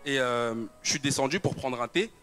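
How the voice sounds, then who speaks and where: A man's voice: medium pitch, moderate pace, fairly bright tone. Young guy giving his testimony, lots of repeats and euhs, music faint behind. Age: young adult. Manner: storytelling with repetitions and fillers. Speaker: church member giving a testimony. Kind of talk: personal testimony told to an audience.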